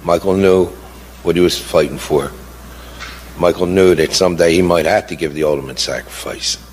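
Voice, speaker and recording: A man's voice: deep voice, normal speed, a little hiss or hum. A middle-aged man, a bereaved father giving impassioned testimony, blunt and indignant, repeating words for emphasis and firing off rhetorical questions.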